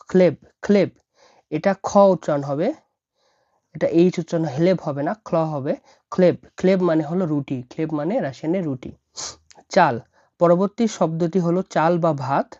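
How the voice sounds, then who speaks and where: A woman's voice: low-pitched, dark tone, dry recording. A woman teaching a language lesson, breaking each word into letters and repeating it several times. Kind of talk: slow explanatory lesson. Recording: dull lo-fi dry recording.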